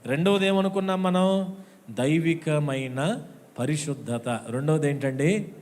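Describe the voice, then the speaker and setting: A pastor with an Andhra Telugu accent preaches at a watch night church service, his voice a little high, a little slow, and a little mellow over slight background noise. He calls out questions to the congregation and acts out the voices he quotes.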